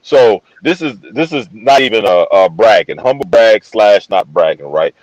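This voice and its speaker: A man's voice: fairly low pitch, expressive, normal speed, a little mellow, no room sound, lo-fi sound. A man on a casual panel, boastful and profane, repeating himself as he makes his point. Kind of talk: heated casual debate.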